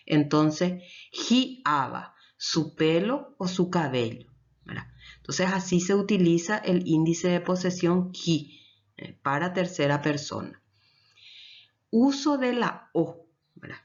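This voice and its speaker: A woman teaching Guaraní grammar in a lecture, explaining slowly and often checking with her listeners. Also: deep voice. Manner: switches between Spanish and Guaraní. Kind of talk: recorded language lecture. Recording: dull lo-fi recording.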